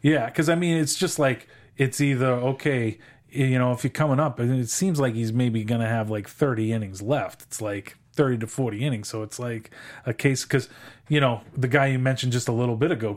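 A man's voice: mid-range voice, a little fast. Rambling American man hosting casual sports talk. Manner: rambling, hesitant phrasing. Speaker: sports podcast host.

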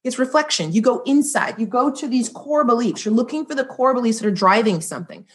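Middle-aged woman, high voice, animated storyteller, candid podcast guest. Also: brisk. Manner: animated, acts out quoted dialogue. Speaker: guest, divorce lawyer and life coach.

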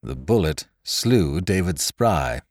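A man voicing a grim, hard sailor who speaks low and quietly. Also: animated, takes it slowly, dry recording, studio quality, exaggerated voice.

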